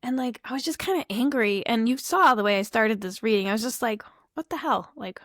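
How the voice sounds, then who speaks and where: A woman's voice: a little high, quick pace, no room sound, studio quality. A woman reading tarot cards to camera in a loose, rambling, apologetic way, full of asides. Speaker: tarot reader.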